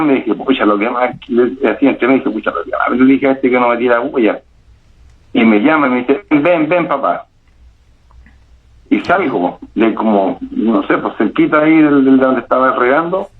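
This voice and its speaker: A middle-aged man with a Chilean accent, calling in to tell a personal paranormal experience, speaking haltingly with frequent restarts and repetitions. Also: mid-range voice. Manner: halting, repeats himself, many restarts. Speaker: caller telling a paranormal experience. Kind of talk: first-person storytelling. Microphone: phone. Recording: tinny phone line.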